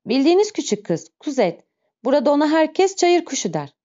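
Madame Thénardier, a shrill greedy innkeeper, put on by a woman. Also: very animated, a little fast, warm tone. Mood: scornful. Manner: whiny, pleading, then gushing. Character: greedy scheming female innkeeper, shrill and wheedling. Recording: dull lo-fi recording.

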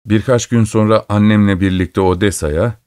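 A man reads a literary story in a low, steady voice with measured pacing. The sound is dry and close, with no room around it. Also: clean tone, dry recording. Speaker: audiobook reader. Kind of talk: scripted narration.

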